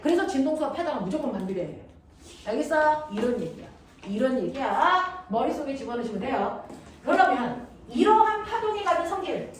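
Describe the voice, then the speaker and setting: A woman's voice: high voice, very animated, fairly quick. A woman teaching science to a class, blunt and teasing, checking again and again that the students follow. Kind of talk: classroom lecture. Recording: echoey room, distant mic, noisy.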